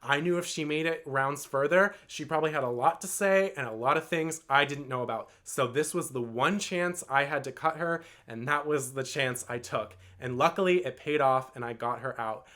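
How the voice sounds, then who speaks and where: A man's voice: fairly high pitch, moderate pace, few pauses, fairly bright tone. A man telling a long storytime vlog in an earnest, rambling way, full of "like" and "um". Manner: rambling and earnest, with many "like" and "um" fillers. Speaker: vlogger.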